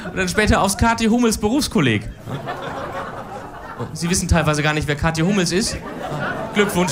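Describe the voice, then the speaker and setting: On stage before a live audience, a woman in her forties performs political stand-up cabaret with dry irony. Her voice sits in the mid-range, and there is a lot of background noise.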